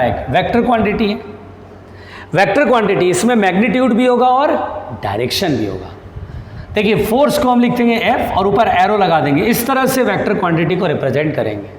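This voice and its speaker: Patient, high-voiced male physics teacher. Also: reverberant, big-room sound, a little hiss or hum. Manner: patient, repeats key terms slowly; calls students "beta", reassuring. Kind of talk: classroom lecture.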